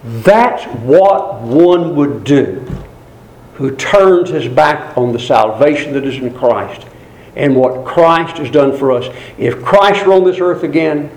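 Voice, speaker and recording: A male preacher gives a slow sermon in a fairly high voice, leaping up on emphatic phrases and sinking low for solemn, grave asides. He repeats key words to drive them home and quotes crowd voices at a raised pitch. The room around him echoes.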